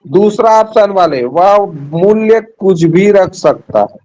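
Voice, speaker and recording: A man's voice: high-pitched, lively intonation, slow, dark tone, rough recording. A middle-aged man teaching a Hindi class, patiently walking his students through answer options one by one. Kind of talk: classroom lesson over a call.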